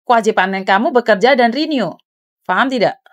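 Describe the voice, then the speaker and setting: A woman hosting a call-in advice show, calm and frank, calling her caller "dear". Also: fairly high pitch, brisk.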